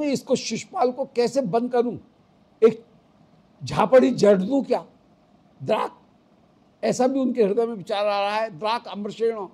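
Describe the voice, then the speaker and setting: A man's voice: extremely high pitch, darkish tone. A man giving a devotional scripture discourse, chanting verses and explaining them line by line. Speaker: devotional storyteller.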